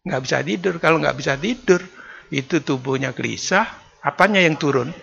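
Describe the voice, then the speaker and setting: An older man preaching a sermon to an online congregation in a casual, conversational way, his pitch jumping up for emphasis. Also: brisk, creaky, fairly bright tone. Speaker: pastor. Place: church, online service. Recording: dull lo-fi online stream.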